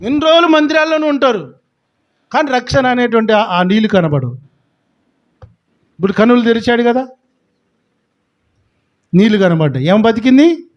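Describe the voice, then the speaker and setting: High-pitched emphatic male preacher. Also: lively intonation, moderate pace, pauses often, muffled recording. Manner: emphatic preaching with rhetorical questions. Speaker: pastor. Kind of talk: sermon.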